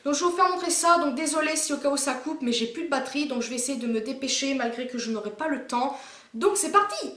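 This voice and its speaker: A woman's voice: high voice, fast, a bit bright. A young woman from France chatting casually through a makeup haul video, rambling with lots of fillers and restarts. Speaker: beauty vlogger. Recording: echoey room.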